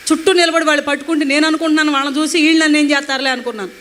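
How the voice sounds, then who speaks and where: Fast, high-voiced woman giving testimony. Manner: emotional, animated retelling with acted quotes. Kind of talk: personal testimony storytelling.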